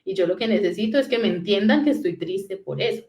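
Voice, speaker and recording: A woman's voice: medium pitch, expressive, fast, darkish tone, roomy sound. A woman patiently explaining how to talk to small children, often checking that she is understood. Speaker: parenting talk guest. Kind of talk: conversational talk on parenting.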